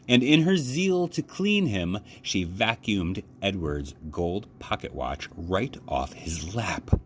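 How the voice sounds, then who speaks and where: Reading a kids' book to a storytime audience, this man speaks in a lowish voice, measured and deliberate, leaning into dramatic emphasis.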